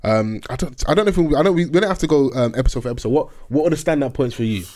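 A man's voice: medium pitch, racing, dark tone. A man with a London accent chatting casually as a podcast host, in slang-heavy roadman street talk. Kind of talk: casual chat.

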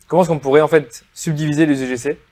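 A man hosting a casual conversational interview, asking questions and quickly chiming in with agreement. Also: fairly high pitch, fairly even intonation, darkish tone. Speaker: podcast host.

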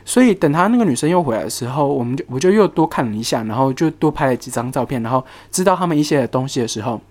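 Animated speaker with a lively, swooping voice. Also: mid-range voice, racing. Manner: animated, exclamatory, mixes in English words and curses. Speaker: HR worker telling a work story. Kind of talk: casual storytelling vlog.

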